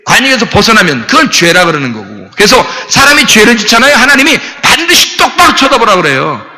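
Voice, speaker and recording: A male pastor preaches a Sunday sermon in a high, very bright voice. He repeats his points and asks the congregation rhetorical questions. A long reverb from the church sanctuary trails behind each phrase. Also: huge pitch swings, fast. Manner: emphatic preaching with many repetitions and rhetorical questions.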